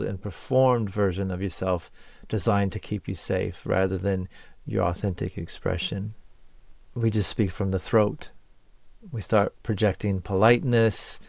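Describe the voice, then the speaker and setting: A man's voice: lowish voice, creaky, no echo. A man talking as a voice coach, giving an earnest and encouraging spoken lesson in short listed phrases.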